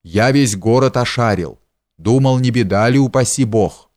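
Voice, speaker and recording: A man reading the part of a loyal, devout servant in an audiobook, slow and low. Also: darkish tone, natural voice. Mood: earnest. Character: loyal devout male servant, gruff and plain-spoken.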